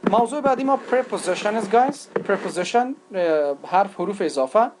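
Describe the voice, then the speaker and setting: Afghan-accented man, english teacher, lively pitch, mixes dari and english, answers his own questions. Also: background noise. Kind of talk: recorded lecture.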